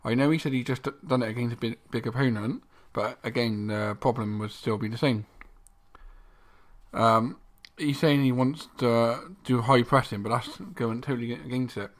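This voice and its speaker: A man's voice: medium pitch, steady tone, normal speed. A man co-hosting a podcast, chatting casually with dry humour and many ums. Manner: dry humour, filler-heavy. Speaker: podcast co-host. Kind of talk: casual chat.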